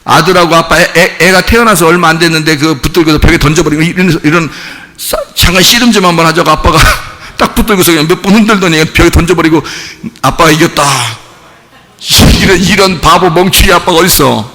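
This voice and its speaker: A pastor preaching a sermon, telling the story animatedly and asking the congregation questions. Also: male voice, fairly high pitch, fast talker, sharp tone. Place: church sanctuary. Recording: echoey church hall.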